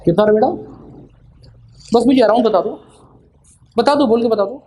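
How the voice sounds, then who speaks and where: A maths teacher lectures a class. His voice sits a little high for a man, and he keeps checking in with the students before slowing down to spell out each formula. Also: darkish tone, slight background noise, rough recording. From Pakistan. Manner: questions students constantly, slows down for formulas.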